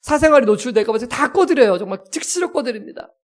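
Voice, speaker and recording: A male pastor preaching a sermon as a lively story, acting out scenes and poking fun at himself. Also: very high-pitched, quick pace. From South Korea. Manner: lively, self-mocking storyteller who acts out scenes.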